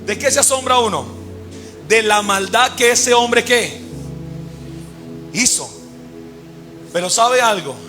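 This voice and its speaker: A male pastor preaching a sermon to his congregation. He keeps firing questions at them and has them finish his sentences, swinging from loud emphasis to quiet asides. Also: very high voice, expressive, takes it slowly, long pauses, soft background music. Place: church service.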